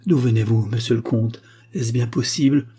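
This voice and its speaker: A man voicing a proud, distraught young noblewoman in mourning, with sharp, indignant cries. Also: medium pitch, fairly even intonation, normal speed, lightly acted. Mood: flustered. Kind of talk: audiobook character voice.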